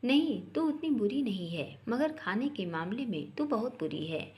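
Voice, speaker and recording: A woman voicing a gentle, hardworking young woman who teases softly, in a storybook reading. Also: fairly high pitch, very animated, a little slow. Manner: soft, teasing, affectionate. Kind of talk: storybook voice acting.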